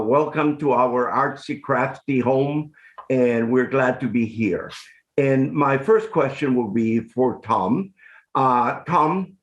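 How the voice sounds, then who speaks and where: A middle-aged man from Honduras, hosting an interview from his art-filled home over a video call, speaking in an effusive, deliberate way. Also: mid-range voice, muffled recording. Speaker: host, arts commissioner. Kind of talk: scripted-sounding interview hosting. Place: home room full of art and books. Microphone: video call webcam.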